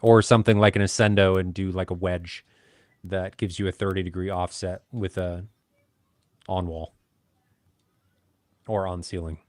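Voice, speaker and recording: A man's voice: sits low, little pitch movement, normal speed, long pauses, a little mellow, dry recording. A man co-hosting a casual podcast, chatty and joking, poking fun at himself. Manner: chatty, joking, self-deprecating. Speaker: podcast co-host. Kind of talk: casual chat.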